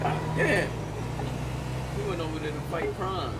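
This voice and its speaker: A man's voice: a little high, a little slow, background noise. A frustrated, argumentative man improvising in an online role-play game.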